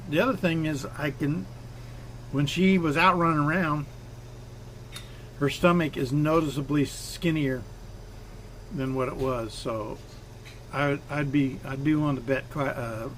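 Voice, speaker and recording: A man's voice: on the high side, slight background noise. Easygoing man chatting about his fish. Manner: easygoing, explains while working on his tanks. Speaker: live-stream host showing his fish room. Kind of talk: casual live-stream chat. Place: home fish room.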